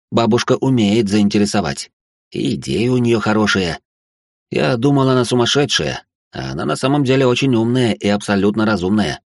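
A man's voice: lowish voice, vocal fry, no room sound, studio quality. A man narrating a novel in first person, with a wry, conversational inner monologue. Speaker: audiobook narrator.

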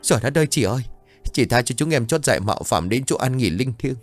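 A man's voice: mid-range voice, lively intonation, fast, faint music behind, close to an everyday voice. A man doing a blubbering cowardly young thug. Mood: pleading. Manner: sobbing, pleading, lapses into rhymed verse. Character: cowardly young male street thug, wailing, rhyming.

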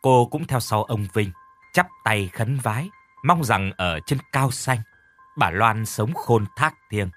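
Expressive male horror storyteller. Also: lowish voice, slow. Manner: dramatic, expressive. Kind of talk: scripted horror story narration. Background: faint music.

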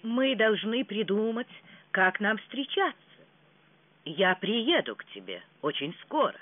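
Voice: medium pitch, very animated, unhurried, no echo. A reader voicing an ardent young prince. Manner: passionate vows, insistent. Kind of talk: audiobook reading. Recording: tinny phone-like sound.

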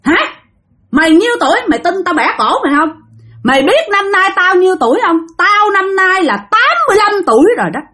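A woman doing a shrill growling ghost. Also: very animated, a little fast, heavily acted. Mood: menacing. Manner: growling, threatening, shouting high. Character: old male drowned ghost possessing a young woman, menacing. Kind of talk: storytelling.

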